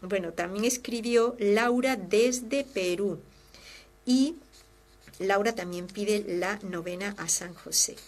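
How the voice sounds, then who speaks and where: Religious sister, host, fervent and expressive, reads listener mail warmly. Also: female voice, mid-range voice, takes it slowly. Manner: fervent, expressive, swings from loud to hushed. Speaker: religious sister hosting a devotional program. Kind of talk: devotional talk and reading listener letters.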